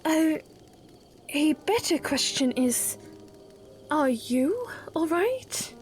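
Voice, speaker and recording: A woman playing a gentle, polite young princess with a hesitant, stammering, courteous manner in an audio drama. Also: sits high, sing-song, extremely slow, soft background music, exaggerated voice. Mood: flustered, relieved. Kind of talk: fan audio drama acting.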